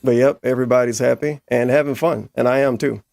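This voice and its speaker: A man's voice: mid-range voice, steady tone, a little fast, vocal fry, darkish tone, no echo. A man giving casual, sarcastic reaction commentary in a dry, offhand manner. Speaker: streamer reacting to a video.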